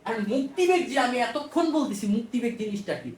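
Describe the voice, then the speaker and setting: A woman's voice: a little high, lively intonation, fast talker, darkish tone, distant mic, slight background noise. A woman teaching physics in a chatty lecture with a Bangladeshi Bengali accent. She repeats phrases and asks and answers her own questions. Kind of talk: casual explanatory lecture. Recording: roomy echo, off-mic.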